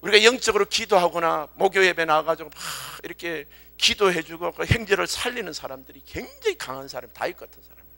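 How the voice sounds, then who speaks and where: A man preaching a church sermon, telling a story in a casual, colloquial way with animated delivery. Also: on the high side, fast talker, gravelly. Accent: Korean. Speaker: youth pastor. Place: church service.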